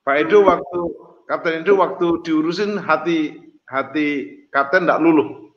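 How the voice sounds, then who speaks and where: A man's voice: fairly high pitch, a little slow. A man hosting an interview who asks brief, probing questions. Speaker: host. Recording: echoey room, dull sound.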